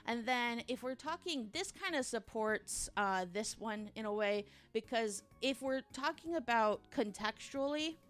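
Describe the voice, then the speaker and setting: A woman with a fairly high voice rants her way through a fan theory over music. She rambles in an animated, informal way, leaning hard on her points and swearing casually. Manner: rambling, animated ranting with emphatic asides and swearing. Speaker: video game fan theorist.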